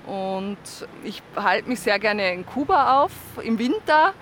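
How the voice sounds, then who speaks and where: A woman's voice: mid-range voice, big pitch swings, slow, fairly bright tone, slight background noise. A woman walking on a riverside promenade, answering a street interview in a chatty, thoughtful way. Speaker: passer-by.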